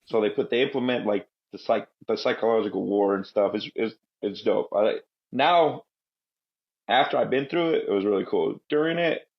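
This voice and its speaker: The recording is dull, and the man's lowish voice moves at a normal speed. He's a podcast guest in his thirties, a former Marine from Guatemala who grew up in Southern California, rambling easily through stories in a relaxed interview.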